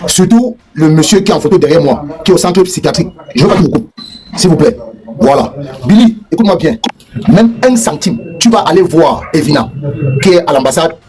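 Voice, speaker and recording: A man's voice: a little high, expressive, a little fast, crowd noise, low-quality recording. A man in a heated live online debate, taunting and repeating his phrases while others talk over him. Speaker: debate participant.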